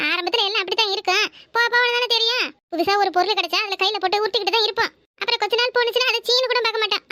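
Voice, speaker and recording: Woman as sharp, nagging village gossips in a cartoon, very high and bright; dry recording. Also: no echo. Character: gossiping village women, suspicious and scornful. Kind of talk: cartoon voice acting.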